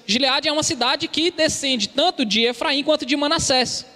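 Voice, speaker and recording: A Brazilian preacher delivers an earnest sermon in a very high, bright, forceful voice. He keeps calling his listeners brothers. His words ring out with a long reverb, as in a church hall. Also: moderate pace. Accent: Brazilian Portuguese. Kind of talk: expository sermon.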